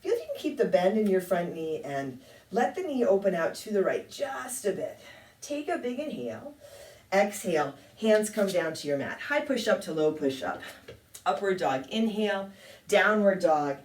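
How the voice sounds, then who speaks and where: A woman teaching a yoga class, calmly calling out poses and breaths with a touch of self-deprecating humor. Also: medium pitch, normal speed. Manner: calm cueing with light self-deprecating humor. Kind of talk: guided yoga class instruction. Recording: echoey room, mic at a distance.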